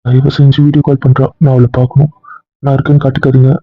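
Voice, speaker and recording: ஒரு ஆண் நடிகர், அவளைப் பார்க்க வேண்டும் என்று திரும்பத் திரும்பக் கெஞ்சும் பதற்றமான இளைஞனாக நடிக்கிறார். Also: male voice, mid-range voice, level tone, quick pace, no echo, soft background music. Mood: pleading. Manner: pleading, repeats please. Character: anxious young man begging to see her. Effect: heard over a video call. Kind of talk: web serial acting. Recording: tinny phone-like lo-fi sound.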